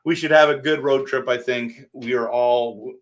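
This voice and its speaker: A man's voice: medium pitch, steady tone, normal speed. A man hosting a casual live stream, rambling and answering his viewers by name while standing at his desk.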